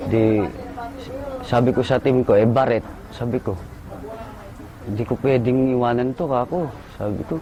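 A man, a soldier, recalling a firefight in short halting bursts and military jargon. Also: medium pitch, lo-fi sound, crowd noise. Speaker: soldier recounting combat. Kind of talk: casual spoken recollection.

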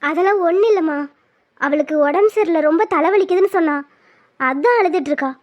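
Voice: extremely high pitch, fast. A performer voicing a caring young woman who comforts and advises her grieving relative. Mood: soothing. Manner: soothing, advising. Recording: dull lo-fi sound.

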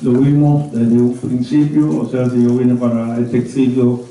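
An aging Havana native, in his seventies or older, tells personal recollections to a small audience in a conference room, his pace deliberate and halting. His voice is mid-range, flat in intonation, and very dark and muted, with a faint hiss or hum underneath. Because a distant camera, not his handheld mic, records him, the sound is very echoey and muffled.

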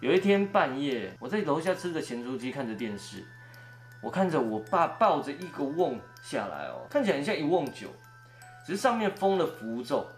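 A man's voice: fairly high pitch, brisk, faint music behind. A man narrating a first-person ghost story and acting out every quoted voice. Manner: animated, acts out every quoted voice.

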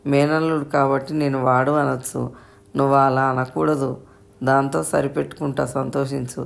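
A woman voicing an affectionate, anxious middle-aged mother in a read-aloud story, talking in a fond, fussing way with a creaky, even voice. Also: extremely low pitch, normal speed. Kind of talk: storybook narration.

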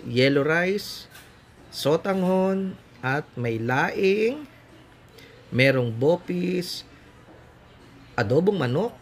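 A man's voice: on the high side, a little hiss or hum. Upbeat Filipino man vlogging a buffet. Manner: upbeat, tour-guide narration listing dishes. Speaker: food vlogger. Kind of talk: casual food vlog narration. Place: large indoor buffet restaurant. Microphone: phone held at arm's length.

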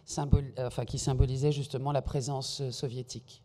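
Male interpreter, very dark mellow tone, self-correcting delivery, long hall reverb. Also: mid-range voice, little pitch movement, brisk. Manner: fluent but self-correcting, with fillers. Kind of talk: consecutive interpreting into French. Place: large hall.

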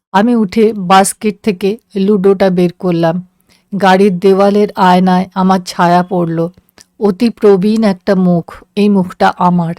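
A woman narrating a story in a slow, measured, soft voice. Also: medium pitch, no room sound, studio quality. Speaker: story reader.

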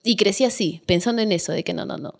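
A woman's voice: on the low side, quick pace, gravelly. A Peruvian woman, a guest on a podcast, telling her own story in a casual interview, candid and emphatic.

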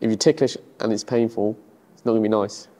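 A man's voice: on the low side, flat delivery, quick pace, mellow. A young man working as a rehab coach, giving hands-on instructions in casual language. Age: young adult. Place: large hard-floored gym, indoors. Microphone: clip-on lapel mic. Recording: reverberant hall-like room.

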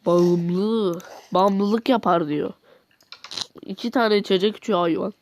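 A man's voice: sits high, fairly even intonation, slow, slight background noise. A man giving a comic voice-over commentary, joking and mock-exasperated as he talks to himself. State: nauseous near the end. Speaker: video commentator.

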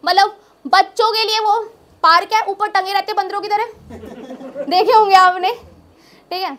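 Her pitch is extremely high, her tone steady and a bit bright, and her pace moderate. She's a young woman doing conversational observational comedy at a small indoor open mic, repeating phrases for emphasis into a handheld mic.

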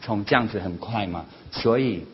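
Lively male church teacher. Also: on the low side, normal speed. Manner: animated, acts out family quarrels in raised voices. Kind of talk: sermon-style parenting lesson. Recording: slightly dull lo-fi recording with faint noise.

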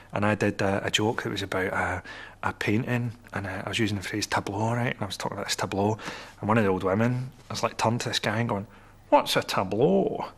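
Male comedian, gravelly voice, dry meandering interview delivery. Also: on the low side, fairly bright tone. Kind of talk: interview anecdote.

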